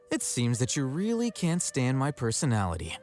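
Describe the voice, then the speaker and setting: A man's voice: mid-range voice, huge pitch swings, moderate pace, a little mellow, soft background music. A cool, sardonic young scribe from a fantasy video game. He needles with dry, unbothered remarks while his voice rises and dips freely. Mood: dry teasing.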